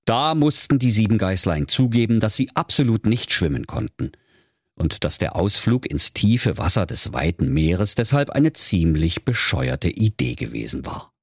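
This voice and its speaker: In studio-quality audio with no room sound, a storyteller and podcast host with a low-pitched, slightly rough voice tells a comic fairy tale. He's very animated and dramatic in storybook style, keeping a moderate pace.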